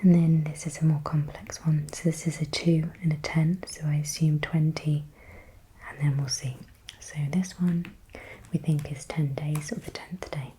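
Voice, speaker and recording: A woman whispering softly in ASMR style, slowly repeating words and thinking aloud as she guesses. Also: sits low, level tone, a little hiss or hum, poor audio. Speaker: ASMR creator.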